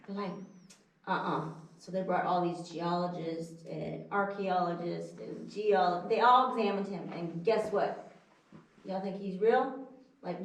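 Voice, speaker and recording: A woman's voice: medium pitch, a little mellow. A woman working as a tour guide gives informal, chatty commentary inside an echoing cave, often addressing her group. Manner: chatty, folksy, asks the group questions. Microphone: distant camera mic. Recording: echoing cave, distant mic, faint noise.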